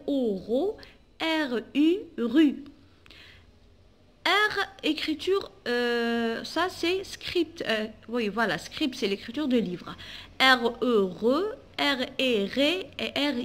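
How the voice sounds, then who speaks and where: A woman teacher with an Algerian French accent, giving a phonics lesson for children and spelling out sounds syllable by syllable. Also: a little high.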